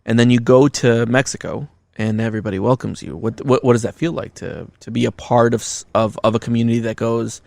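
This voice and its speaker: A man hosting a podcast, asking quick, conversational questions of his guest. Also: medium pitch, steady tone, creaky, a little mellow, no echo. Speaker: podcast host. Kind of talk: casual interview talk.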